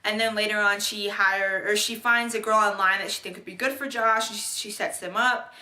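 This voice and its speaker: A woman's voice: medium pitch, fairly even intonation, a little fast, bright, forceful tone. A young woman chatting casually as she recaps a TV episode, bubbly and rambling, with many fillers and restarts. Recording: echoey room.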